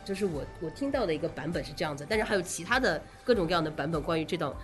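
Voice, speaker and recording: A woman's voice: fairly low pitch, expressive, very fast, faint music behind. A woman speaking as an interview guest, explaining things casually step by step. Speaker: guest, association president.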